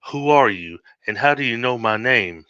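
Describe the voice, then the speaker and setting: A man's voice: medium pitch, expressive, moderate pace, bright, forceful tone, clean tone, no echo, muffled recording. A man voicing a desperate terrified farmer. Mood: bewildered.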